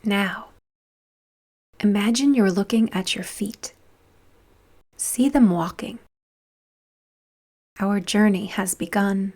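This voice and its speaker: In a calm, mid-range voice, a woman walks through a guided visualization at a careful pace. She speaks softly, lets her phrases fade out breathily, and pauses for long stretches.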